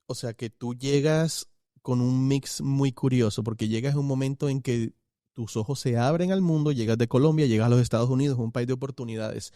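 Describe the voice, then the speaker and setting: A man hosting a podcast interview, chatting in a relaxed way and sharing personal anecdotes. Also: mid-range voice, brisk, no room sound, clean studio sound. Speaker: podcast host. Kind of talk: conversational interview.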